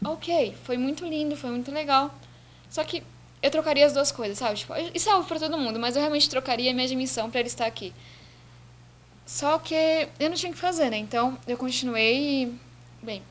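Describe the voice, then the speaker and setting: An eighteen-year-old woman tells a personal story. Her voice sits high and she talks quickly, acting out what others said to her. A faint hum runs behind her in an indoor office. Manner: animated storytelling, acting out quoted dialogue. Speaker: student telling her story. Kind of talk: casual personal account to camera.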